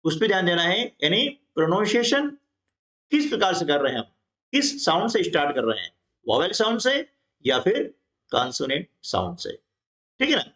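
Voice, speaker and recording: Lively male teacher. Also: sits high, normal speed. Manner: explanatory, repeats checks like "है ना". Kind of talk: exam-prep grammar lesson.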